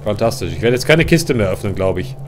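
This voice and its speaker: A man doing let's play commentary on a horror game, chatty with his viewers and jumpy, swearing and shouting at scares, close on a studio mic. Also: on the low side, sing-song, fast talker, noisy background. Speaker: let's player. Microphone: large-diaphragm studio mic, close.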